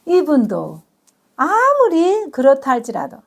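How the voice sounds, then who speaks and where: A woman pastor giving a sermon in a high, bright voice. She tells stories with real feeling and sometimes catches her breath mid-sentence. She reads English verses slowly and carefully, then explains each one in simple words. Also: huge pitch swings, vocal fry. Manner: emotional, storytelling delivery with gasps.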